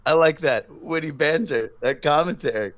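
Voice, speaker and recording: A man's voice: a little high, normal speed, a bit bright, no room sound, lo-fi sound. A man hosting a podcast, chatting casually, rambling with fillers and frequent laughs. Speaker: podcast host. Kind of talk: casual chat.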